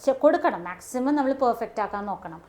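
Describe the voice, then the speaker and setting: A woman with a Malayali English accent teaches an exam lesson, stating each point slowly in English, then explaining it quickly in Malayalam, with frequent "okay". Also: fairly high pitch, lively intonation, darkish tone. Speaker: English test tutor. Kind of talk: classroom-style lesson.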